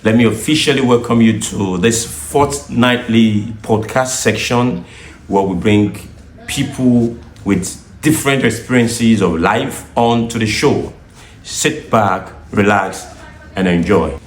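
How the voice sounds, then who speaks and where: A man's voice: on the low side, slight background noise. Nigerian male host in a roomy echo. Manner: slow, formal announcer delivery. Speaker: podcast host. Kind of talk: scripted show introduction.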